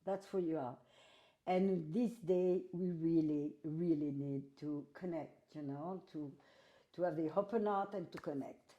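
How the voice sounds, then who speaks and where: Woman hosting an interview, chatty, kinda halting, awkward phrasing. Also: sits low, warm tone, highs cut off. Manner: chatty, halting, with fillers and non-native phrasing. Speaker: host. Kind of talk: casual interview conversation.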